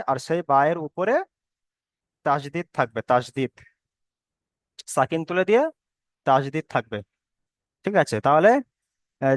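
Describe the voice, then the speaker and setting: A man's voice: fairly high pitch, dry recording, clean studio sound. A man teaching Arabic letter reading in an online class, patiently spelling each step and repeatedly asking if everyone follows. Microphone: online class call.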